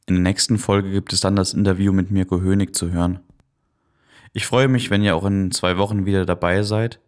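A man softly and calmly narrating a guided meditation in a soothing manner, as the host of a relaxation podcast. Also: low-pitched, fairly quick.

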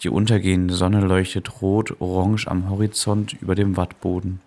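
A man softly and calmly narrating a guided meditation in a soothing manner, as the host of a relaxation podcast. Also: sits low, normal speed.

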